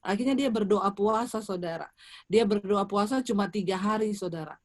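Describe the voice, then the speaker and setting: A woman's voice: mid-range voice, moderate pace. A woman evangelist preaching a sermon at a church service, telling a personal testimony and addressing the congregation directly. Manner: addresses the congregation as "saudara", vivid storytelling.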